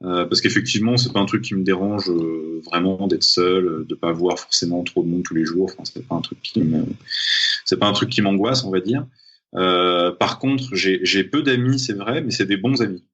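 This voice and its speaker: A young man from Paris, France, a freediving champion appearing as a guest, speaks hesitantly in a casual interview with a deep, husky voice. He fills pauses, restarts often, and circles back over what he's said. The audio sounds dull and lo-fi, like a remote call.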